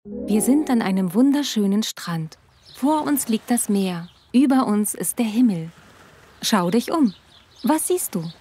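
A woman voicing a teenage girl, a former rival, who speaks in a soft, soothing way. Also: on the high side, animated, normal speed, slight background noise, lightly acted.

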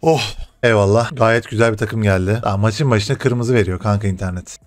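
A young man commentating his own football video game live, excitable, shouting and swearing at the game over background game music. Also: on the low side, a little fast. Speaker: gaming streamer.

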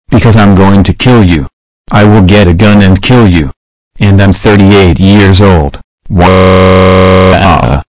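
A man voicing a furious male horse toy, a hot-headed bully who yells, growls and laughs manically. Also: lowish voice, dry recording, low-quality recording.

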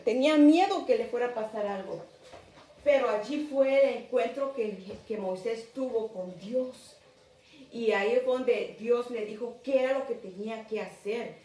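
A woman's voice: on the high side, dark tone. A woman telling a Bible story to children as their teacher, asking them questions as she goes. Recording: echoey room, mic far off.

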